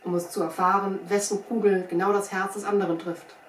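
A woman's voice: mid-range voice, little pitch movement, fairly quick, lightly acted. A woman voicing a sly little old male frontier scout with a folksy, wry, self-assured manner, recorded from a distance in a roomy space with faint hiss. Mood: firm.

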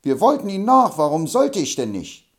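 A man reading an audiobook, voicing an excitable, boastful older man who gets angry fast and speaks shrill and loud. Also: full character voice. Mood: agitated.

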